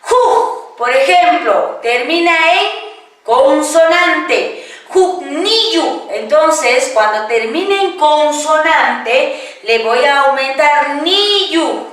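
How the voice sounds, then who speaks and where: A woman with a high voice teaches a class, speaking very slowly and stretching out each word. She patiently asks questions and answers them herself. Her voice rings through an echoey room, picked up from some distance away. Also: lively intonation, a bit bright. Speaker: Quechua teacher. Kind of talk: classroom-style language lesson, question and answer.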